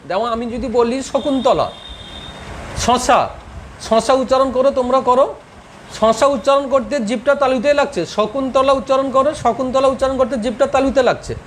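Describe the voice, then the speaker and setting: A man's voice: very high voice, normal speed, slight background noise, low-quality recording. Man teacher quizzing a class. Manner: quizzing students, joking and laughing. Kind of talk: classroom lecture.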